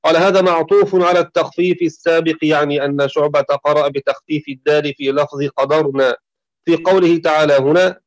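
A man giving a lesson on Quran reading variants, reading from a text and reciting verses slowly in a chanted tone. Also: on the high side, level tone, dry recording. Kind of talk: explanatory lecture reading from a text.

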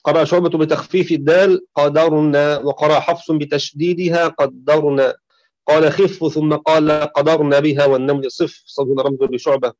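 A man giving a lesson on Quran reading variants, reading from a text and reciting verses slowly in a chanted tone. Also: fairly high pitch, fairly even intonation, darkish tone, no room sound. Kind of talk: explanatory lecture reading from a text.

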